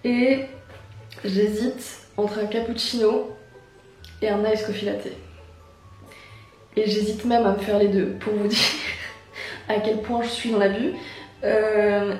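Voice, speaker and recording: A woman with a slightly rough morning voice, chatting casually to camera as a fitness vlogger in an informal, self-mocking, emphatic way. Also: mid-range voice, darkish tone. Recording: roomy echo.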